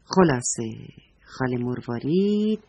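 A woman's voice: rumbling low, animated, mellow, slight background noise. A woman narrating a children's story, talking affectionately to young listeners.

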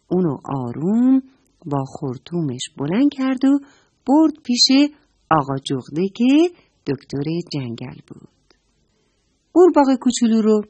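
A woman telling a children's story in a warm, coaxing voice that speaks straight to the children. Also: fairly low pitch, slightly rough, no room sound.

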